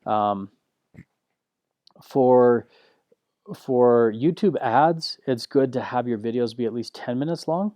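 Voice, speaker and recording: Male course instructor: slow, flat-affect, not salesy, restarts a lot; dry close-mic read. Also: dry recording. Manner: slow, low-key, unanimated delivery; frequent restarts and filler words. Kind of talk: recorded course lesson.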